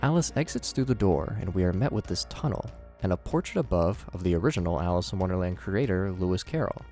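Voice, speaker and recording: A man with a low, dark voice narrates horror commentary from a script, speaking fast and animatedly as a theatrical video host with wry asides. Background music runs underneath.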